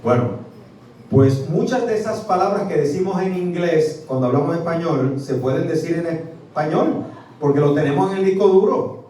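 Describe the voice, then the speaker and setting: A Puerto Rican man giving a lively public talk as a professor, quizzing his audience as he goes. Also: fairly high pitch, normal speed, slight background noise. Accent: Puerto Rican Spanish. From Puerto Rico. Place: restaurant event space. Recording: echoey venue, mic from a distance.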